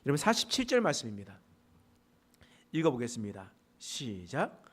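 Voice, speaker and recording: A man preaching a sermon as pastor in a church, animated and asking his congregation rhetorical questions. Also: mid-range voice, moderate pace, husky. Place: church sanctuary.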